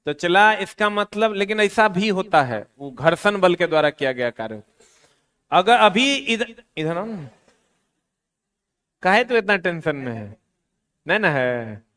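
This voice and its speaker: A man, lecturing a classroom on science. He talks slowly and deliberately and chats with his students as he explains. Now and then he teases them and slips into quieter asides. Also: sits high, very animated. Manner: chatty, teasing students, drops to quiet asides. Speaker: teacher.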